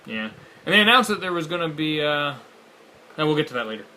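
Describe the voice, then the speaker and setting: A man with a slightly raised pitch and a very bright, cutting tone gives blunt, sarcastic takes in casual chat. He swears and stammers through false starts. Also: big pitch swings, fast, slight background noise. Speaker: co-host. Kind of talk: casual game-showcase reaction chat.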